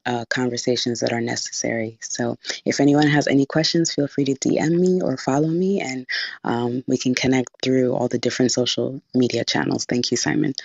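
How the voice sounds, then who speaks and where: A woman's voice: extremely low pitch, creaky, darkish tone, no room sound. Woman, from South Sudan, podcaster, polite and friendly, filler words, muffled online sound. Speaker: podcaster guest. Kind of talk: brief self-introduction. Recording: dull lo-fi online audio.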